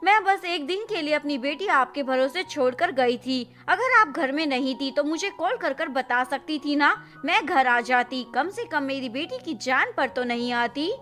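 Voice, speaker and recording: A woman's voice: sits high, animated, measured pace, few pauses, fairly bright tone, soft background music. A woman voicing a hurt, defiant young wife and mother who speaks bitterly. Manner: bitter and reproachful.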